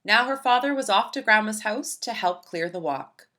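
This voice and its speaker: Here a woman gives an expressive, storytelling reading of a children's picture book. Her pitch is medium and her pace moderate.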